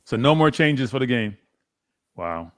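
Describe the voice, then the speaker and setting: This Jamaican man has a medium-pitched, animated voice and an unhurried delivery. Argumentative and prone to laughing, he restates his tactical points again and again on a live football watchalong.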